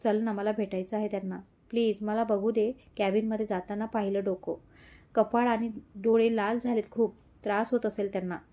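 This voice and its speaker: A woman's voice: mid-range voice, fairly even intonation, moderate pace, dark tone, natural voice. A woman voicing a distraught young woman in an audio story, pleading through tears. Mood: tearful pleading. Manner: tearful, pleading.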